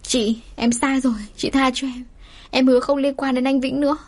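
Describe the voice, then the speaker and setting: Woman voicing a terrified young mistress, raised high pitch, desperate begging. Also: level tone, fast, warm tone, close to an everyday voice. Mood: tearful begging. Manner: pleading, breathless begging.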